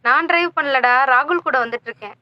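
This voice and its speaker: A man voicing a carefree young woman talking on the phone, with a high, chirpy voice. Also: quick pace, no room sound, highs cut off. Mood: casual.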